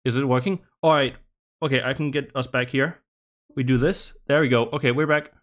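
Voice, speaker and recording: A man commentating a live-streamed game match, slightly out of breath, talking in halting bursts with many restarts and asides to his chat. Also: medium pitch, steady tone. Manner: halting, many restarts and laughs, chats with viewers. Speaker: esports commentator.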